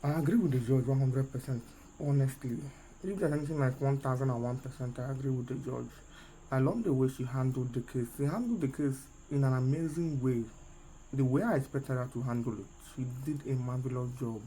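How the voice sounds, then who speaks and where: A man's voice: mid-range voice, steady tone, fairly quick, warm tone, poor audio. A man giving emphatic, repetitive reaction commentary to viewers. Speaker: video commentator. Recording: faint noise with chirping insects.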